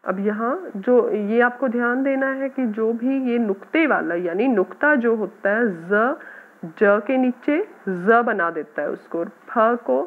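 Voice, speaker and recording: A woman teacher patiently explaining a grammar lesson to schoolchildren, sounding out words slowly. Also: fairly high pitch. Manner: patient, addresses students as "beta", repeats words slowly. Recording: tinny phone-like audio.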